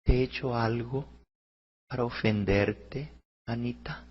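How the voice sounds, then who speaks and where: A man voicing a kind, motherly woman who asks gentle, worried questions in a raised voice. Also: medium pitch, takes it slowly, slightly rough. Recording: muffled lo-fi recording.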